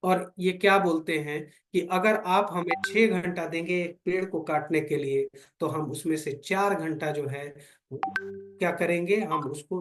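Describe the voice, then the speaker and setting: Male business trainer with a high voice, preachy, rhetorical, addressing a small group. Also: noisy background. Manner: preachy, asks rhetorical questions, repeats phrases. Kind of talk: motivational training talk. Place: meeting room with fifteen to twenty people.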